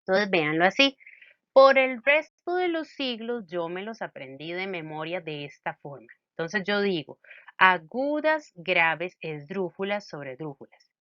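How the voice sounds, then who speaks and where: A woman teaches a grammar lesson with a lively, sing-song delivery, her pitch rising and falling a lot. She keeps the students involved with playful questions. The recording sounds muffled and dry. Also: moderate pace, dry recording.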